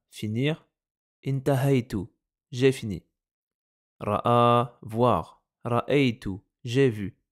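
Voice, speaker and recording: A man teaching a lesson, speaking slowly and deliberately and repeating each example word. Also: medium pitch. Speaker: Arabic language teacher. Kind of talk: explaining Arabic grammar in French.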